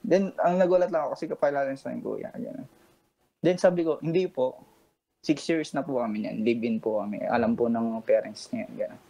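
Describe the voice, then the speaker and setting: A man's voice: mid-range voice, a little fast, gravelly, poor audio. Polite young man caller recounting a story. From Pampanga, Philippines. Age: 20s. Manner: polite and respectful, calmly recounting a confrontation and quoting others. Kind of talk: telling a personal story on a late-night call-in radio show.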